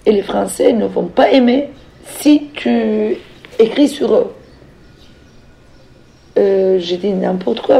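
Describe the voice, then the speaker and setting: Speaking as a guest, a novelist from Turkey in middle age shares a spontaneous, reflective personal account, her Turkish accent audible. Her mellow, creaky, medium-pitched voice falters as she hunts for words, and she repeats phrases to stress them.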